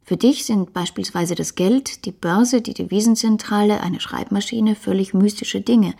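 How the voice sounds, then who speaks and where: A passionate young woman in her twenties in a radio play. Her voice is mellow and breathy, and she talks in an earnest, intimate, pleading way. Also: medium pitch, normal speed. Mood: reproachful. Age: 20s. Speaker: radio drama actress.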